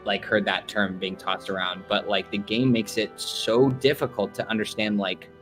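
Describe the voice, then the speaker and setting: A man's voice: lowish voice, little pitch movement, normal speed, a bit bright, faint music behind. A man co-hosting a casual stream chat, rambling with lots of fillers. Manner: rambling, heavy use of "like". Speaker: stream co-host.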